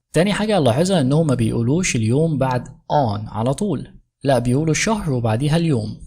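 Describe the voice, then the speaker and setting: Woman, Egyptian Arabic accent, English teacher, brisk explaining, slow careful English examples, breathy voice. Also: very deep voice, a little mellow. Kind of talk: explaining a sitcom scene in an English lesson.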